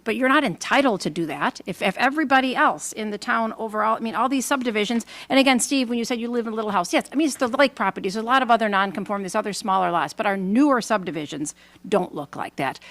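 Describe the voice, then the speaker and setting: A woman's voice: fairly high pitch, bright, forceful tone, no echo. A woman objecting at a town board meeting, speaking in an insistent, challenging way. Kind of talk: public meeting debate.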